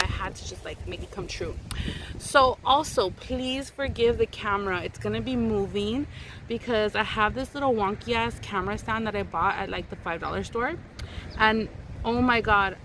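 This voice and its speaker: Chatty woman vlogging outdoors, noisy background. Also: mid-range voice. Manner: chatty, informal, frequent "like" and slangy exclamations. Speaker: mukbang vlogger, host. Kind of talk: casual chat to camera while eating. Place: outdoors in a park. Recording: clear outdoor ambient noise. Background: outdoor ambience, wind.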